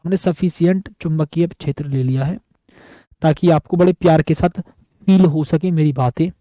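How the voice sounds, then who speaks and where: Man, physics teacher, high voice, dry close sound, repeats himself affectionately. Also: normal speed, mellow, no echo, low-quality recording. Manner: affectionate, repetitive, calls students buddy. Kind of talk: board lecture.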